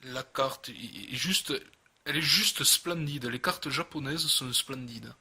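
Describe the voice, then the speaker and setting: Bright-voiced southern French man, slightly husky. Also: mid-range voice. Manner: hesitant, halting, often repeating words. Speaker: host of a card unboxing video. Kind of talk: casual unboxing commentary.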